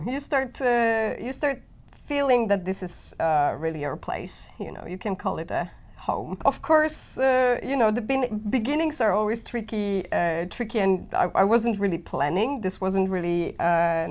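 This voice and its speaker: A woman in her thirties from Poland, speaking English with a Polish accent as a guest artist in a casual interview, animated, with many fillers and restarts. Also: medium pitch. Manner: animated, frequent fillers and restarts, laughs easily.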